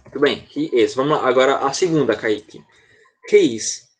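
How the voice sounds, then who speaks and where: A man's voice: mid-range voice, moderate pace, husky. A man with a Brazilian Portuguese accent teaching an online class to children, explaining patiently and checking in often over a video call. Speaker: English teacher.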